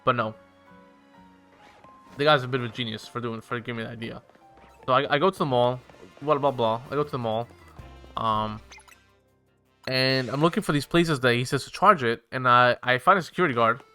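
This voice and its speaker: A young man with a bright, forward voice tells a long, meandering story in a loose, swearing, filler-packed way. Faint game music plays quietly behind him. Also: mid-range voice, fairly quick, pauses often, clean tone. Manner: rambling, profane, filler-heavy. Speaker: streamer telling a story. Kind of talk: casual storytelling while gaming.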